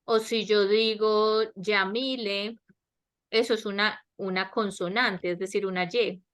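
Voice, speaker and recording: Slow, bright-voiced woman teaching grammar. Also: medium pitch, steady tone. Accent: Latin American Spanish. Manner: slow, explanatory, checks understanding with repeated questions. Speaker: English teacher. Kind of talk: online grammar lesson. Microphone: webinar headset or laptop mic.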